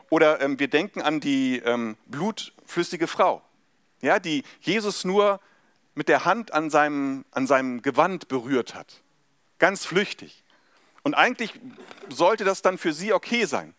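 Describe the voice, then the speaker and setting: A man's voice: on the high side, a bit bright, no echo, studio quality. A man preaching a sermon in a conversational way, reading a Bible passage and speaking directly to the congregation. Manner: conversational, addresses congregation directly, some fillers.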